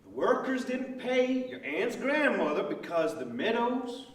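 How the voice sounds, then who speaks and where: A man acting a very high-pitched cantankerous Southern father. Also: unhurried, heavily acted. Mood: irritated. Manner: excitable, blustering, name-calling. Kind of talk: comic stage play acting. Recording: echoey, noisy stage recording from far off.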